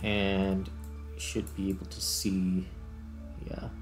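A man with a deep voice speaks slowly and completely flatly, with music playing behind him. He's hosting a gaming video, thinking aloud in casual commentary as he plays.

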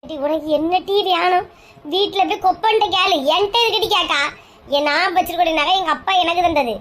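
Woman as a quarrelsome village mother, Kanyakumari Tamil accent, very high voice, rapid scolding. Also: a bit bright, a little hiss or hum.

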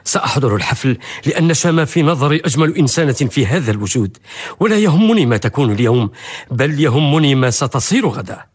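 An actor playing a proud, lovestruck young merchant in a historical radio drama, with rough husky voice and emotive formal delivery. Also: male voice, mid-range voice, expressive, fast. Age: young adult.

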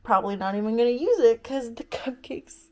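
A woman's voice: fairly high pitch, animated, brisk. Chatty young woman vlogging at home. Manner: rambling, self-deprecating, laughs often. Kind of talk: casual vlog chat.

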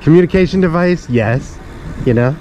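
Out riding along a suburban street, a middle-aged man vlogs to his viewers in a loose, rambling way, cracking jokes as he goes. His voice is fairly high, expressive and mellow, at a moderate pace. The action-camera sound is dull, with outdoor street noise.

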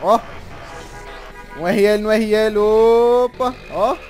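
High-voiced excited gamer man. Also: slow, faint music behind. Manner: excited, repeats every phrase twice, slangy. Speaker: gameplay commentator. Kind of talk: casual gameplay commentary.

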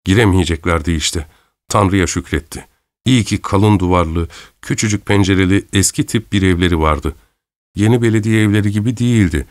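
A man reading an audiobook aloud in measured, dramatic scripted narration. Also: low-pitched, no room sound, studio quality. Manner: measured, dramatic storytelling, voicing characters' lines lightly.

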